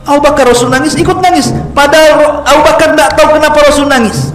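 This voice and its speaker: A man preaching an informal religious lecture as a lively storyteller who jokes with listeners and acts out quoted lines. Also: extremely high pitch, quick pace. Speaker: Islamic preacher. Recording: echoey room, faint background music.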